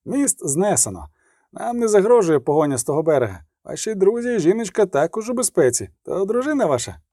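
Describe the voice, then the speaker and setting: A man voicing a chatty, raised-pitch army field medic. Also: sing-song, dark tone, no echo, clean studio sound. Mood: chatty, reassuring. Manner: chatty, deferential, slow and soothing.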